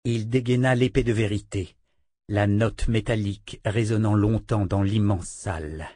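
A man narrating a fantasy audiobook in a measured, expressive reading. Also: on the low side, dry recording, clean studio sound.

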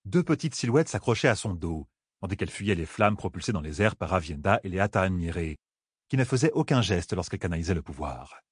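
A man reading a fantasy audiobook in a lively, expressive narration style. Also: low-pitched, brisk, husky, dry recording, clean studio sound.

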